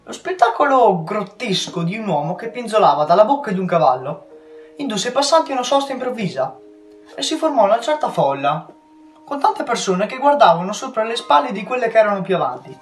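A teenage boy, a student reader, reading a novel aloud with measured storytelling, in a roomy recording with faint music. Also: high-pitched, big pitch swings. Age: teens.

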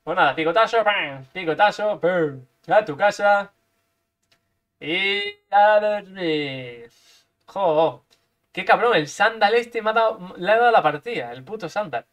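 A man's voice: high voice, expressive, normal speed, a bit bright. A man from Spain, commentating his own gameplay live, playful and full of repeated sound effects. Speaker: gaming streamer.

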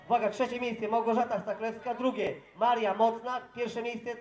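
A man calls out results through a megaphone, his very high voice spreading in echo. He reads names slowly and formally and keeps asking for attention. Music plays behind him. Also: flat delivery. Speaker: event announcer. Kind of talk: announcing competition results. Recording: echoey loudspeaker sound with music behind.

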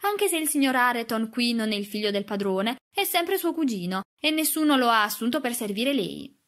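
Donna che fa una domestica schietta e pungente. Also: female voice, on the high side, big pitch swings, moderate pace, fairly bright tone. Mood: chiding. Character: blunt, sharp-tongued housemaid.

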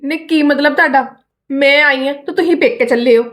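A woman's voice: high voice, brisk, fairly bright tone. A woman playing a demanding, whiny sister-in-law who argues with her brother's wife in a family skit. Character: demanding young married sister-in-law visiting her parents' home.

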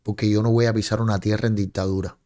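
A man's voice: fairly low pitch, flat delivery, fast, mellow. Sarcastic Cuban man streaming commentary. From Cuba. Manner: mocking, sarcastic, scolding. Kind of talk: livestream commentary. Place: home streaming room with colored lights. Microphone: large studio mic on a boom in front of face.

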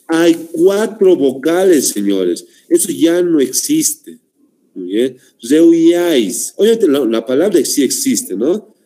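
A medium-pitched man with a dark tone gives an online language lecture, repeating and stressing what matters and addressing everyone as "señores."

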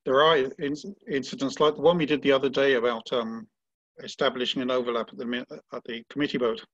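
A man who is a sailing judge, speaking haltingly with many restarts on an online panel call. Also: medium pitch, little pitch movement, a bit bright, no echo. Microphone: video call. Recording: dull lo-fi video call audio.

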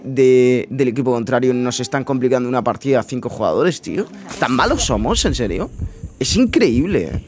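A man's voice: medium pitch, darkish tone. A man giving casual, incredulous commentary over his own gameplay, muttering asides to himself. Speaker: gaming YouTuber.

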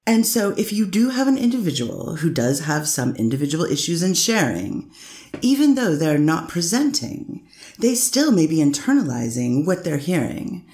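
With a deep, sing-song and slightly mellow voice, a woman plays a defense attorney questioning a witness step by step in a courtroom reading. She keeps a moderate pace and a steady, methodical manner, often asking "is that fair to say," in an echoey room.

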